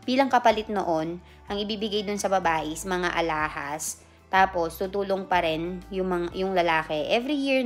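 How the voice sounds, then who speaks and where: A woman vlogger casually explaining a family custom, chatty, with fillers and self-corrections. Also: fairly low pitch. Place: busy event hall with a crowd and music.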